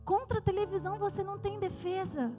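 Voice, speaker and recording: A Brazilian woman missionary giving a joking, lively testimony to a youth church service. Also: very high-pitched, fast. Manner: lively, joking storyteller addressing the crowd. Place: church hall. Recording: reverberant church hall, slightly dull sound, music behind.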